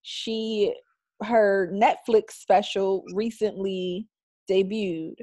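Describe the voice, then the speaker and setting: A woman's voice: medium pitch, fairly even intonation, very slow, dark tone, no echo. A woman hosting a podcast, talking casually and laughing often as she leads the chat. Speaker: podcast host.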